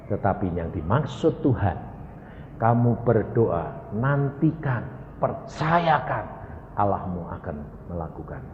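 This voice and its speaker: A male evangelist preaching, dramatic and swinging from hushed to loud. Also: mid-range voice, muffled recording, a little hiss or hum. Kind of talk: sermon. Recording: echoey hall with reverb.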